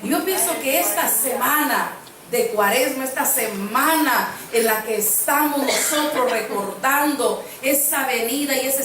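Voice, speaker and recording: In an earnest sermon, a woman preacher repeats phrases for emphasis while relating a personal story. Her voice is high-pitched and a bit bright, with slight background noise, and the sanctuary is very echoey, recorded from a distance.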